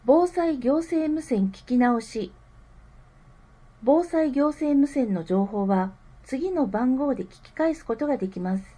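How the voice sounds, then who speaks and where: A woman reading scripted public information aloud with careful, measured enunciation. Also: high voice, expressive, mellow. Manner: careful enunciation, digits read out slowly one group at a time. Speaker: reader of a town newsletter.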